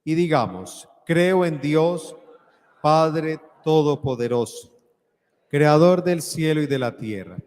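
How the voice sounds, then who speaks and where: A man's voice: fairly high pitch, slow pace, darkish tone. Solemn male priest in cathedral echo. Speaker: priest presiding at Mass. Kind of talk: solemn liturgical homily and prayer. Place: large church, live Mass. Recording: echoey church hall with long reverb.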